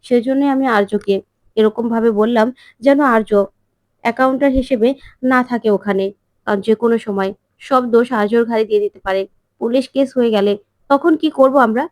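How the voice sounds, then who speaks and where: Woman doing worried old father fretting about his daughter, highish voice. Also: fairly quick, long pauses, a little mellow, no echo, close to an everyday voice.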